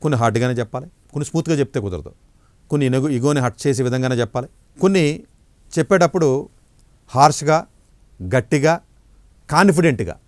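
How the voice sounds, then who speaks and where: A middle-aged man, an education counselor, giving blunt, forceful answers in an interview. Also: mid-range voice, expressive, quick pace, long pauses, no room sound.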